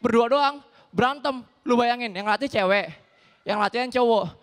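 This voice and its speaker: A young man doing an animated stand-up comedy set, acting out shouting brawlers. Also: very high voice, moderate pace.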